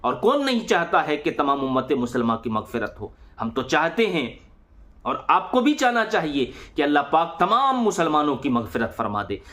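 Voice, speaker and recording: A man's voice: fairly high pitch, moderate pace. A man, explaining prayer steps to viewers one at a time and talking to them directly. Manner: lively, explaining step by step, addresses viewers directly. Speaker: religious instructor on a channel.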